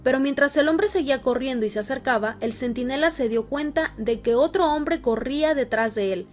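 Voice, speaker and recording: A woman reading scripture aloud in steady, measured narration. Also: high voice. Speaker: scripture reader. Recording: faint background music.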